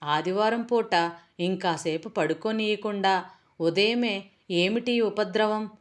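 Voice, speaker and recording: A woman's voice: mid-range voice, slow pace, lightly acted. Woman doing a lazy teasing husband. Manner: relaxed, teasing.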